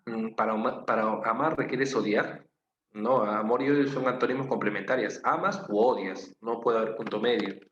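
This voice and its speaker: A man's voice: mid-range voice, normal speed, fairly bright tone. A man with a Peruvian Spanish accent, teaching an online class. He explains patiently, repeats key phrases and checks in with his students. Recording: roomy, slightly dull with faint noise.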